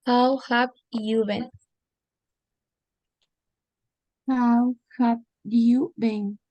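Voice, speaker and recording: Woman student repeating slowly. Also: fairly high pitch, fairly even intonation, mellow, no echo, low-quality recording. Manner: slow careful repetition after teacher.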